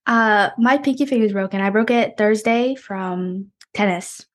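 A woman's voice: medium pitch, a little slow. A woman in casual chat, complaining and a bit sorry for herself. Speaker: friend on the vlog.

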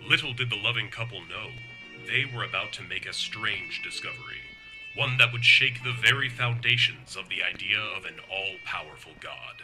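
Narrator, played by a man: low, ominous, dramatic storyteller for retro sci-fi horror, over prominent music. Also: moderate pace, natural voice, rough recording. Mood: ominous, foreboding. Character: ominous male narrator of retro eerie tales.

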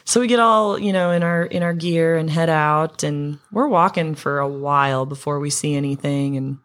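A woman's voice: deep voice, moderate pace. A young woman from Montana, a singer-songwriter guest, telling a story in casual chat with many fillers and restarts.

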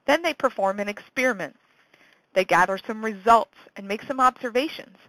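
A woman presenting a scripted educational science show in a bright, curious, encouraging manner, stressing key words and posing questions to the listener. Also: fairly high pitch, normal speed, no echo, rough recording. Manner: encouraging, poses questions and answers them. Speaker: host of a homeschool science teaching show. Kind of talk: scripted explanatory presentation to parents.

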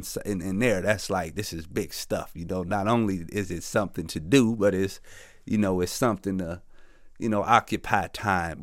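A former prisoner recalling his time inside in a halting interview, full of "you know", and reading his own poem. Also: low voice, no echo, studio quality. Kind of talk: interview recollection and poetry reading.

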